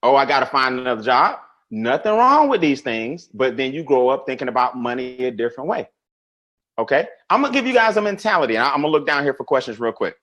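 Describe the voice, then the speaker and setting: A man hosting a live money webinar, greeting viewers by name and telling stories in a casual, animated way. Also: mid-range voice, quick pace. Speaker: webinar host.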